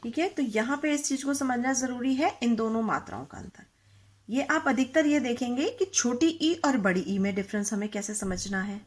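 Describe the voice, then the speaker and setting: A woman teaching young children how to read and write, explaining slowly and patiently, asking questions and repeating words for them to practice. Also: fairly high pitch, animated. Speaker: Hindi teacher.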